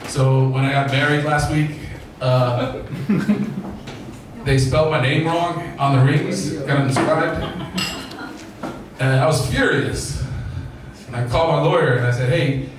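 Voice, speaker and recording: A man doing crude, irreverent open mic stand-up comedy with a deadpan joke delivery. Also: medium pitch, normal speed. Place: small basement comedy club with audience. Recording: very echoey room, distant mic, clear noise. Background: room ambience and noise.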